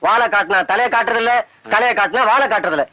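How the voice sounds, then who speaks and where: An actor playing an eager village gossip who carries tales in film comedy dialogue. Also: male voice, sits high, fast, sharp tone. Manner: eager, tattling.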